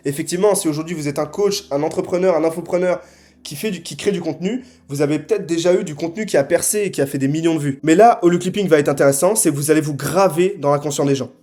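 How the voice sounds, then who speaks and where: A young man giving a scripted sales pitch to camera, assertive and punchy, often tagging his sentences with quick check-ins. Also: dark tone. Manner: assertive, punchy, frequent tag questions. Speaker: marketing consultant.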